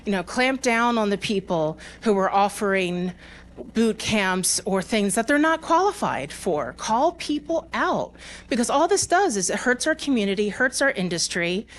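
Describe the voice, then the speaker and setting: A woman's voice: medium pitch, very animated, moderate pace. Woman giving a conversational conference talk. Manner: conversational, with frequent fillers and restarts; laughs between points, engages the audience. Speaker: conference speaker. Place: conference hall with a live audience.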